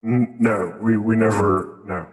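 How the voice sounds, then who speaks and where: Guy w a voice scrambler on, lowish voice, kinda halting, stops and restarts a lot, echoey room. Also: fairly even intonation. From Southeast United States. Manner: hesitant, halting, many restarts. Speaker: guest, mining operator. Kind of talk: casual interview.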